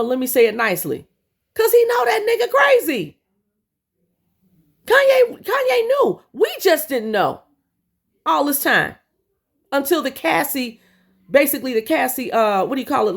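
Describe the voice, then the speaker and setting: A woman's voice: high voice, vocal fry, slightly rough. A woman giving a heated commentary rant to her viewers. She is blunt and profane, and she stumbles over repeated words when she gets worked up. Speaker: commentary vlogger.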